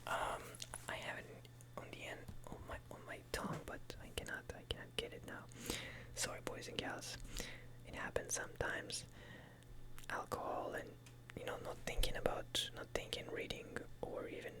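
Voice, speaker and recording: A man who is a native Hebrew speaker whispers a casual, hesitant, unhurried ASMR chat in English. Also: rough recording. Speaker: ASMR video maker. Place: quiet room at home at night.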